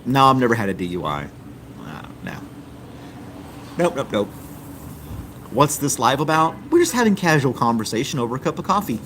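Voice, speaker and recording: Reading out comments from viewers, this American streamer keeps things casual and meandering, with plenty of ums. His medium-pitched voice is a bit bright, and slight background noise is audible.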